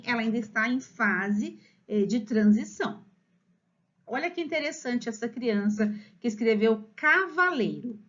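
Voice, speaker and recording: A woman with a Brazilian accent explaining children's writing levels to parents as a teacher, stretching words slowly syllable by syllable. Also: sits high. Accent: Brazilian Portuguese. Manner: lively, drawn-out slow spelling of syllables. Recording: slightly dull lo-fi recording.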